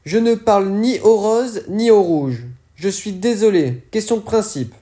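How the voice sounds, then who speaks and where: A man's voice: sits high, a little slow, dark tone, pitched above the performer's own voice. A man voicing a bruised, bitter young woman who is curt and weary but caring.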